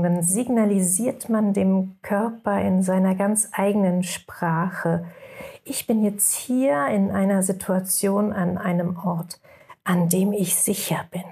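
A woman leads listeners through a short guided meditation. She speaks slowly and calmly, with a middle-pitched voice. Her phrases often fade into hushed whispers. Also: gravelly. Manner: slow, soothing, drifting into soft whispers.

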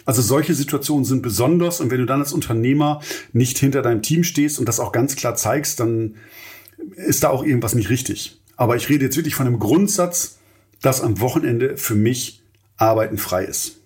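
A man's voice: medium pitch, moderate pace, a little mellow. Earnest German podcaster man. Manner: earnest, motivational, addresses listeners directly. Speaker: podcast host, entrepreneur. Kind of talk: solo podcast monologue.

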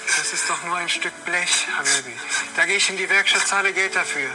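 Sketch dad, played by a man: high-pitched, broken German, Arabic pet names, music bed underneath. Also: brisk, close to an everyday voice, low-quality recording. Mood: comforting. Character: doting immigrant father teaching son to drive. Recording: comedy clip played with loud music behind.

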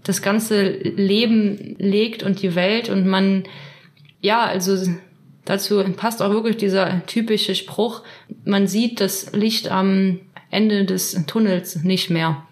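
A woman of twenty-four from Trier, a self-help group leader, speaking hesitantly with many pauses and fillers. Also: medium pitch, fairly even intonation. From Trier, Germany. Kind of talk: interview answers.

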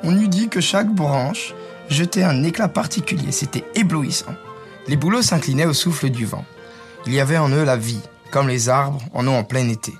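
A man narrating a fairy tale in a calm, descriptive storytelling manner. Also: fairly high pitch, normal speed, soft background music. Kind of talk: reading a fairy tale aloud.

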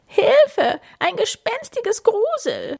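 A woman voicing excitable flamingos who chatter and shriek in a children's storybook. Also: extremely high pitch, measured pace, creaky, pitched above the performer's own voice, full character voice. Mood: panicked.

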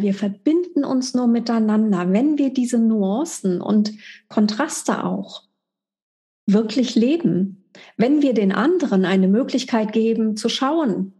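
A middle-aged woman with a mellow, fairly high voice delivers a monthly spiritual energy forecast. She speaks directly and emphatically to the listener, in the manner of a coach.

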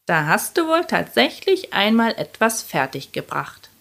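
A woman voicing a gruff, menacing old witch who growls and speaks slowly and slyly. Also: medium pitch, big pitch swings, a bit bright, full character voice. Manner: growling, slow and sly.

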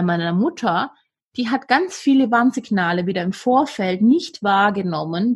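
Husky-voiced woman hosting a self-help podcast. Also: medium pitch. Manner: earnest, speaks directly to the listener. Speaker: podcast host. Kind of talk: motivational self-help monologue.

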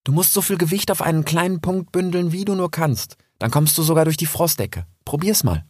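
A gentle mother fox, put on by a man, explains patiently in a raised, soft voice. She is calm and instructive, a storybook parent. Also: a little high, fairly quick, dry recording, studio quality, voice pushed up. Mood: encouraging. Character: gentle mother vixen teaching her cub.

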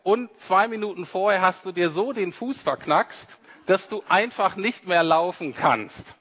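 Male preacher, fairly high voice, chatty sermon style, long hall echo. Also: expressive, a little slow, a bit bright, breathy edge. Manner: conversational, addresses listeners directly, acts out quoted speech. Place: church hall. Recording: reverberant hall.

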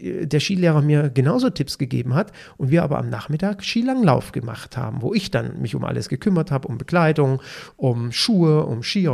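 Gravelly, husky German-speaking storyteller man. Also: medium pitch. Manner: lively storyteller acting out dialogue, stammers for effect. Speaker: personal trainer, podcast host. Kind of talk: storytelling monologue.

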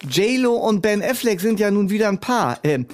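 A man's voice: sits high, sing-song, normal speed. A man in a scripted comedy sketch, talking in a smug, scoffing know-it-all way.

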